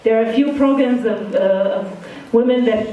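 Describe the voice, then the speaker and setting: As a guest speaker in an indoor study hall, a middle-aged woman from Israel chats frankly with students, poking fun at herself along the way; her accent mixes Israeli and Brooklyn. Her voice is fairly high at a moderate pace. The audio is narrow and tinny with slight background noise, picked up far from the mic in a very echoey hall.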